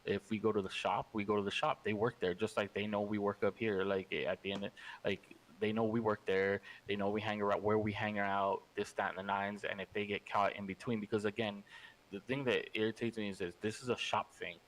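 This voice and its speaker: A man's voice: fairly low pitch, flat delivery, brisk, fairly bright tone, rough recording. A man speaking in character at a roleplay gang meeting, rambling and repeating himself.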